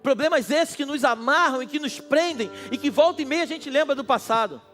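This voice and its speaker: Male pastor preaching hard at a night service, talks right to the crowd, real high voice. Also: fairly quick, fairly bright tone, soft background music. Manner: impassioned, addresses listeners directly. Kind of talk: sermon.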